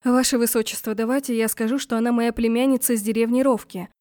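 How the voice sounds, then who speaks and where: A woman's voice: a little high, fairly even intonation, quick pace, mellow, dry recording, clean studio sound, lightly acted. A woman voicing a loyal, obliging chambermaid in a storybook reading. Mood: helpful. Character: loyal female chambermaid, eager to help.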